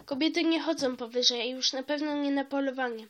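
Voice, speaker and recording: A woman's voice: high-pitched, steady tone, fairly quick, lightly acted. A woman reading the lines of a stern, dismissive father who refuses his daughter, in a storybook reading. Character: gruff dismissive father of a cave clan.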